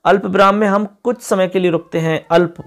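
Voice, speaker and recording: A man with a fairly high voice, teaching an exam-prep grammar lesson. He explains step by step and keeps checking that the students follow along. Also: fairly even intonation, brisk. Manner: explanatory, often asks "ठीक है?".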